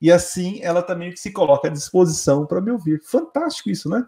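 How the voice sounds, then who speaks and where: Man, father, casual chat, animated, hesitant restarts, somewhat high voice. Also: fast talker. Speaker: father, co-host of the conversation. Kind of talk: casual conversation.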